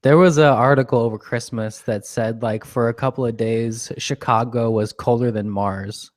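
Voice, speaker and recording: An easygoing man from the United States chats casually as co-host of a live online webinar. He is quick to laugh and keeps his tone relaxed and friendly. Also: mid-range voice.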